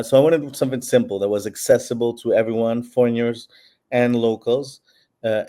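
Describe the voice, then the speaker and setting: A Peruvian man who founded a bitcoin platform answers interview questions, explaining at length with lots of fillers and restarts. His voice sits on the lower side and carries a warm tone.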